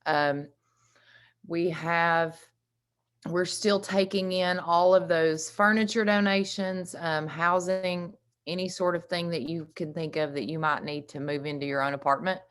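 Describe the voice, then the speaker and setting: Low-voiced Southern woman with a drawl. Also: steady tone, a little slow, a bit bright, smooth. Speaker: recovery housing program director. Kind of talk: informal presentation on an online meeting.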